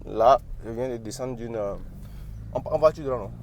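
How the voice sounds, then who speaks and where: Cameroonian dude doing a car vlog, chatty and jokey, talking away from inside the car. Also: male voice, medium pitch, moderate pace, noisy background. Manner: chatty and joking, shows features as he goes. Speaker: car vlogger. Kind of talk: casual car review vlog.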